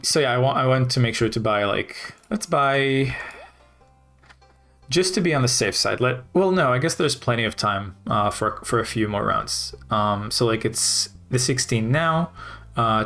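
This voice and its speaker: A man's voice: mid-range voice, animated, measured pace, fairly bright tone, faint music behind. A man casually commenting while playing a video game, rambling and thinking aloud with many fillers. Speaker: gaming video host.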